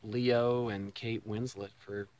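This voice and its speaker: A man's voice: lowish voice, level tone, slow pace, darkish tone, highs cut off. A young man talking casually into a handheld camera as he walks outdoors, musing aloud with frequent fillers. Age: young adult. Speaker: vlogger. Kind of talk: casual walking vlog monologue. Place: outdoors on city streets and trails. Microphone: phone or camera held at arm's length. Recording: outdoor street noise behind. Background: traffic and outdoor ambience.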